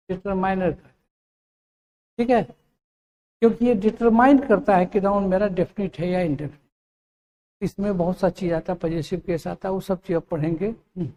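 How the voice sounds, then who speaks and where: Slow, mellow-voiced grammar teacher. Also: medium pitch. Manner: asks and answers own questions, checks understanding; spells out English examples slowly. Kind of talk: explanatory lesson.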